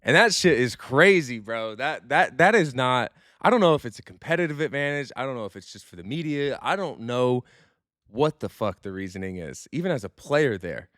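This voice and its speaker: A former pro baseball player hosts a casual podcast chat, his medium-pitched, slightly bright voice captured in a dry, clean studio recording. He talks loosely and candidly, swearing now and then and repeating words whenever he restarts a thought.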